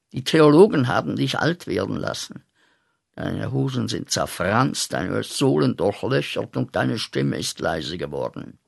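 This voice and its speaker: Radio play: a bitter young war veteran railing at God. Slow and gravelly with a husky edge, going from muttered to shouted. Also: male voice, mid-range voice, heavily acted.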